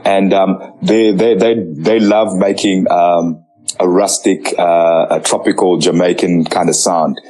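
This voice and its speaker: A young man from Zambia hosting a casual interview, talking in halting bursts with many restarts and fillers. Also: low-pitched, steady tone, warm tone, rough recording. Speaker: interviewer and music producer.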